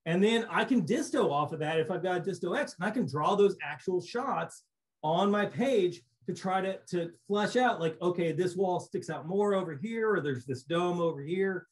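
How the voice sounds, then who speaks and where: A middle-aged man giving a relaxed recorded slideshow lecture on cave surveying over a webcam, explaining casually with frequent restarts. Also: high voice, normal speed. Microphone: webcam on a video call.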